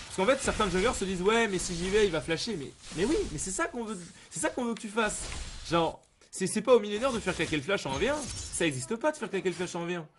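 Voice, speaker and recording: Male game streamer, higher-pitched, rambling slangy commentary over clear background noise. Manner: rambling, repetitive, heavy gamer slang. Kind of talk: casual gameplay commentary.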